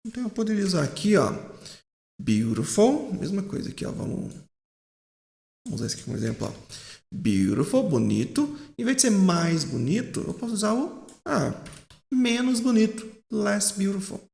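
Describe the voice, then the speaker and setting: Brazilian man teaching english, lively pitch. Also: vocal fry, reverberant. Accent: Brazilian Portuguese. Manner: explains step by step, often checking in with "né?" and "certo?"; says English example words slowly and drawn out. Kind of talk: classroom-style explanation.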